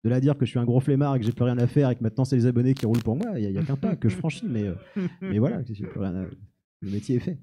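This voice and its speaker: Self-mocking rambling man, very dark voice. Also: mid-range voice, rapid-fire, a little hiss or hum. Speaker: youtuber guest. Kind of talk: live Q&A on stage. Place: small cinema-café venue with audience.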